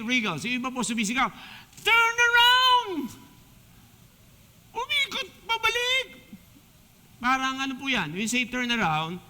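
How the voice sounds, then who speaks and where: A man with a Filipino accent preaching a sermon as a deacon, joking and animated, slipping English phrases into his talk. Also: very high voice. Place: church hall. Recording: long church hall reverb.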